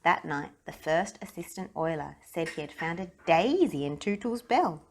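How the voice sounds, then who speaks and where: A woman with a fairly low pitch reads a children's story aloud at a moderate pace, narrating expressively as a storybook reader.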